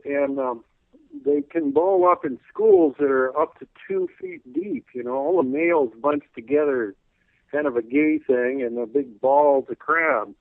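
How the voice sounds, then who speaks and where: A man calling in as a radio guest, rambling folksily with lots of "you know," clearing his throat as his voice wears out. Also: medium pitch, lively intonation, a little slow, dry recording. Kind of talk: casual call-in radio interview. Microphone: telephone. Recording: tinny phone line.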